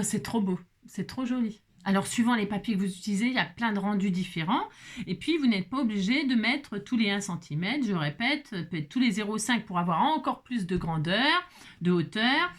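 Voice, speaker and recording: Chatty high-voiced woman crafting. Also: expressive, moderate pace. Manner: chatty, exclaiming, full of little interjections. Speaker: crafting vlogger. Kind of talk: casual crafting tutorial chat.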